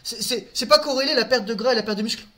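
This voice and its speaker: A man's voice: very high voice, quick pace, bright, forceful tone. A man streaming live, answering his viewers' questions in a loose, casual chat full of crude slang and stumbling repeats. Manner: crude slang, repeats words, talks to his audience directly.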